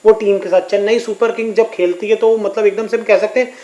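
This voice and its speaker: A man's voice: high-pitched, steady tone, a little fast, warm tone, roomy sound, low-quality recording. A man reporting as a sports correspondent in a news discussion, giving detailed explanations.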